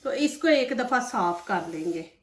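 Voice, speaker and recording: A woman hosting a home cooking show gives a chatty, step-by-step lesson, her voice a touch high and strained by a sore, dry throat. She stands back from the mic, so her voice sounds distant. The kitchen around her is echoey. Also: lively intonation, unhurried. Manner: chatty and instructive, often says "see this". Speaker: cooking channel host.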